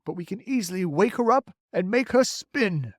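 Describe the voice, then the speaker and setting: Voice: medium pitch, expressive, dry recording, clean studio sound, voice pushed up, lightly acted. A storybook reader voicing an old, wise green grasshopper who speaks sharply. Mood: eager. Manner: brisk, sharp.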